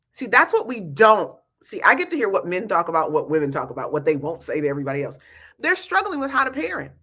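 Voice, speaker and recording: A woman's voice: mid-range voice, sharp tone. A woman giving an informal, candid talk, speaking emphatically with slightly slurred speech from wearing a retainer. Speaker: youth peer group leader and speaker. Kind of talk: informal talk to an audience about a program.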